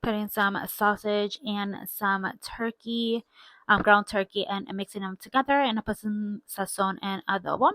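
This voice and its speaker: A woman's voice: medium pitch, fairly even intonation, normal speed, a bit bright, no echo. A woman in her thirties chatting informally to viewers in a meandering way, as a stay-at-home mom vlogger on a clip-on mic. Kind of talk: casual vlog chat to viewers. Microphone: clip-on lapel mic.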